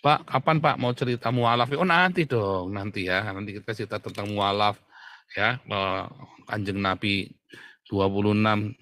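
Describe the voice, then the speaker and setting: A man's voice: fairly low pitch, bright, forceful tone, no echo. A man preaching to an audience in a blunt, mocking tone, often laughing at the people he criticizes. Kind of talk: combative preaching talk.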